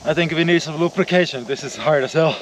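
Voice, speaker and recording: A man's voice: a little high, fast talker, noisy background. A man bantering and joking while pushing a sledge through snow outdoors, picked up by a phone camera held by someone else. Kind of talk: casual banter.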